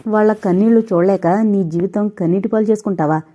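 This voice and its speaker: A woman's voice: medium pitch, fairly even intonation, fairly quick, mellow, lightly acted. A woman voicing a caring older brother who gives sorrowful advice, in an audio novel. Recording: dull lo-fi recording.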